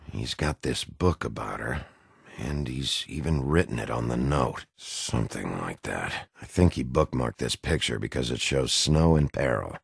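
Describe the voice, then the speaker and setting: A brooding big bad wolf turned detective for a video game. The voice is extremely low and full of gravel, husky at the edges. He speaks tersely and dryly, like a dogged investigator, in a close, dry recording. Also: a bit bright, dry recording, exaggerated voice. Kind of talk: video game dialogue acting.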